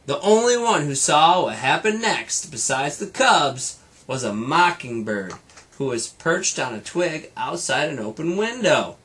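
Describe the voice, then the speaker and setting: A man's voice: a little high, big pitch swings, measured pace, fairly bright tone, breathy edge. A man, a teacher, reading a children's storybook aloud to students with casual little asides.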